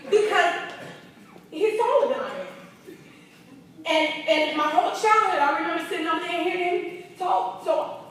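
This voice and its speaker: A young adult woman pastor preaching a sermon in an animated, playful way, laughing between lines, in a large church from a distance. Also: very high-pitched, heavy reverb.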